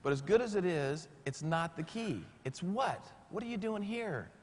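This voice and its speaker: A man delivers a motivational speaker's pitch with high energy and emphatic repetition. His voice sits high and swings widely in pitch. A faint hiss sits behind him. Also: big pitch swings, normal speed.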